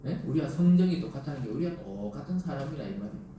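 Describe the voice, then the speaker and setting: A man's voice: medium pitch, animated, fast talker, dark tone, a little hiss or hum. A man preaching a sermon as pastor. He keeps asking the congregation rhetorical questions and acts out quoted lines. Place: church sanctuary. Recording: very echoey hall, mic at a distance.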